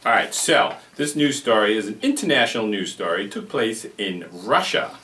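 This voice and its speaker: A man's voice: lowish voice, sing-song, normal speed, bright, forceful tone, far from the mic. A man hosting a loose comedic talk show, rambling and joking and laughing at his own lines. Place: room in a private house. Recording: echoey room, voice off-mic, faint noise.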